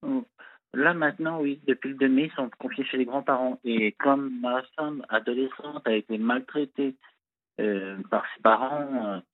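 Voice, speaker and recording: A man's voice: medium pitch, no room sound. Man on a breaking-up phone line. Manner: halting, hesitant, with many fillers. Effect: poor phone line breaking up. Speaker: radio caller. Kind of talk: phone-in conversation. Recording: tinny phone line, dry.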